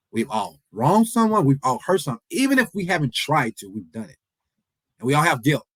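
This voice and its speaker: A man's voice: mid-range voice, a bit bright, no echo, rough recording. A man in his forties giving an earnest motivational speech, repeating his points and imploring the audience. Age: 40s. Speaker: motivational speaker. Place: event hall.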